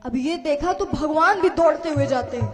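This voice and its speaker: A woman storyteller narrating a devotional tale in a lively, dramatic way. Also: high-pitched, moderate pace, faint music behind.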